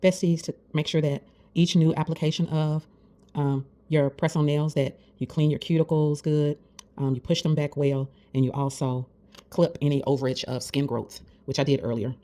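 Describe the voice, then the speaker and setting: A woman vlogger with a deep, warm voice talks through a nail tutorial at a normal pace, her pitch barely moving. She calls her viewers besties in a friendly, encouraging way while fighting the hiccups.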